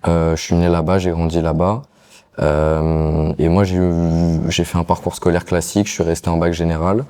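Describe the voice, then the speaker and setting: A young man from Paris talks about his work as a carpenter in a relaxed, halting way, filling the pauses with little fillers. His voice sits very low and sounds mellow, with a smooth, resonant tone. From Paris, France. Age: young adult. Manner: hesitant, many fillers. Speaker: carpenter guest. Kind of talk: casual interview answers.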